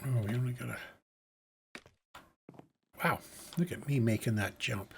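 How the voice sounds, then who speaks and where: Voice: mid-range voice, measured pace, gravelly, a little hiss or hum. A let's-play host giving casual gameplay commentary, musing aloud and thinking through each task step by step.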